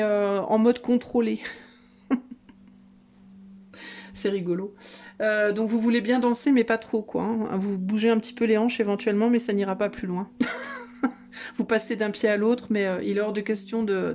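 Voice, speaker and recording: A woman's voice: mid-range voice, a little mellow. A woman giving a casual tarot reading in a playful, chatty way, teasing her listeners and laughing often. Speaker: tarot card reader.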